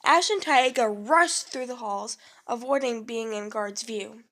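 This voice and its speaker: A young woman reads her own adventure story aloud, slow and halting, pausing to fix her slips. Her voice sits a little high and the reading never hurries. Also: fairly bright tone. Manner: slow, halting reading with self-corrections and asides.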